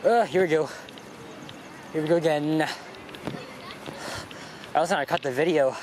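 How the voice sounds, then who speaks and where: A man with a somewhat raised voice runs a casual walking vlog and chats half to himself as he goes. He sounds a little short of breath from climbing. He is recorded outdoors on city streets, and traffic noise comes through clearly behind him. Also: fairly high pitch, moderate pace, darkish tone. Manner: chatty, talks to himself while walking. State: winded from climbing. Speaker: vlog host.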